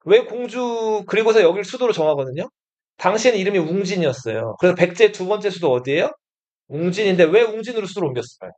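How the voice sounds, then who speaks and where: Lively high-voiced male history teacher. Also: fast, highs cut off. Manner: lively questioning, asks students and repeats answers. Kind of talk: classroom lecture to students.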